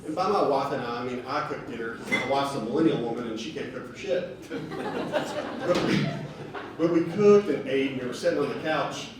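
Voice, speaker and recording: A man doing a stand-up comedy set in a bar, telling stories with deadpan delivery. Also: mid-range voice, moderate pace. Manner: deadpan storytelling with acted quotes. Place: bar stage with laughing audience. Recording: echoey bar room from far off, noisy.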